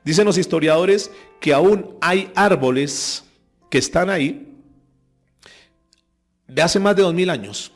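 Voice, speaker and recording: Gravelly pastor preaching with swelling fervor. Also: male voice, on the high side, slow, long pauses, soft background music. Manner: emphatic preaching, swings from quiet to loud. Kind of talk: sermon.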